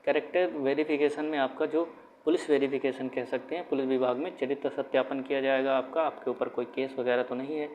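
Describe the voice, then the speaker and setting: A man of ordinary pitch talks candidates through an exam process in a loose, conversational way. He repeats points and restarts phrases as he goes. The recording sounds muffled and lo-fi, with a faint background hiss. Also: steady tone, brisk. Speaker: exam guidance YouTuber. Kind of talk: casual explainer talk to camera. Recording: dull lo-fi sound with faint room noise.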